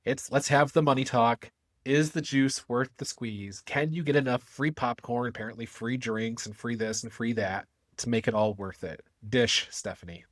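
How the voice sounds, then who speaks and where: A man's voice: medium pitch, normal speed, no echo. Joking male podcast host. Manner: joking, chatty storytelling. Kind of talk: casual podcast chat.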